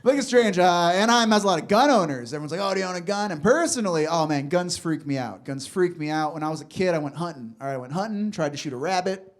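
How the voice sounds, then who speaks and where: A stand-up comedian in his thirties, a man with a noticeably high voice. He delivers deadpan punchlines and talks casually with the crowd between bits. He is from Los Angeles and is performing on a comedy club stage. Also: fast, few pauses. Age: 30s.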